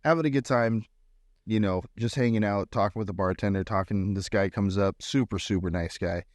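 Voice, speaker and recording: A man's voice: fairly low pitch, a little fast, no room sound, studio quality. A man co-hosting a podcast, chatting casually and telling an easygoing story. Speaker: podcast co-host. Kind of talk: casual chat.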